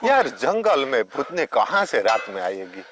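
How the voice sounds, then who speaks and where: A man acting in a comic horror skit, calm and dismissive, reassuring his scared friend at a forest campsite at night. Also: medium pitch, normal speed, a little hiss or hum.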